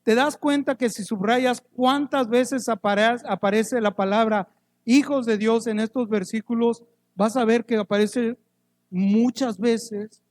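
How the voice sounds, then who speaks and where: A man preaching a sermon as pastor, swinging from loud emphatic rises to soft quiet drops, asking the congregation questions, with touches of humor. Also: very high voice, steady tone, unhurried. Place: church.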